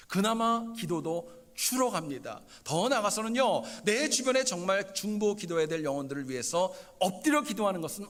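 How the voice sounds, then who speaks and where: A man's voice: fairly high pitch, fairly bright tone. Earnest male pastor in an echoing sanctuary. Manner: earnest, repeatedly addresses the congregation directly; emphatic repetition of key phrases. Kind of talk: sermon. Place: church sanctuary.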